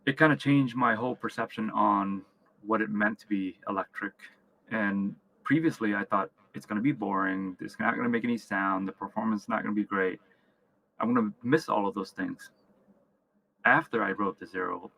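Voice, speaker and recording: Fairly low, creaky, pushed and bright, his voice comes through a low-quality recording. He's a company founder and CEO with roots in Vietnam and upstate New York, answering interview questions conversationally as a guest; he halts, restarts often, repeats words and keeps checking in with "right?"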